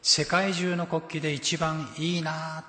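A man's voice: a little high, flat delivery, measured pace, bright, forceful tone. A man preaching a sermon, telling a story and stressing scripture quotes. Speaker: pastor. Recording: echoey hall with long reverb.

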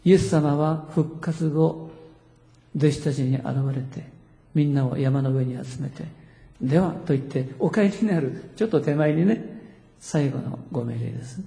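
Gravelly dark-voiced pastor in a reverberant hall. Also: male voice, on the high side, normal speed. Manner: gentle, coaxing, asks the audience questions, chuckles. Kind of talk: sermon to a congregation.

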